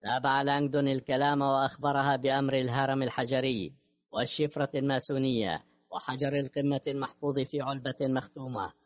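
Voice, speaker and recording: A man narrating an audiobook novel in a steady, measured reading voice. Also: medium pitch, no room sound, studio quality. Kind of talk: scripted narration.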